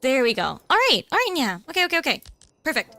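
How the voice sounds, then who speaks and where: Bright, high-voiced flustered woman streamer. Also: huge pitch swings, fast talker, no echo, soft background music. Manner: flustered, chatty, keeps adding a cutesy "nya". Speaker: VTuber streamer. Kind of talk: casual gameplay streaming chat.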